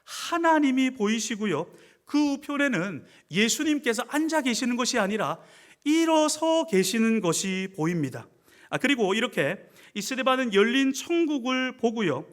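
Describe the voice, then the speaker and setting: A pastor preaching a sermon in a church, animated and acting out quoted speech. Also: male voice, very high-pitched, normal speed.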